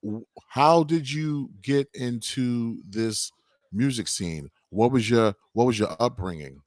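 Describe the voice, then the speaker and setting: A man hosts a radio interview, full of hype and shout-outs. His pitch sits in the middle for a man, and the sound is dry and close with no room around it. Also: slow pace, no room sound. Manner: enthusiastic, hyped-up. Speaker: radio host.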